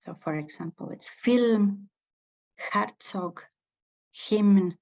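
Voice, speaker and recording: Slow, hesitant Estonian-accented woman teaching. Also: medium pitch, gravelly, a little mellow, lo-fi sound. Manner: hesitant, many fillers and restarts. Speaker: language teacher. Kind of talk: unscripted online lecture.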